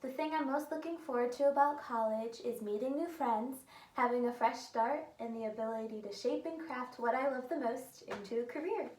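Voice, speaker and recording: A woman's voice: fairly high pitch, normal speed, darkish tone, a little hiss or hum. An eighteen-year-old woman from Ohio, earnestly introducing her student project. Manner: earnest, proud. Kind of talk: scripted introduction.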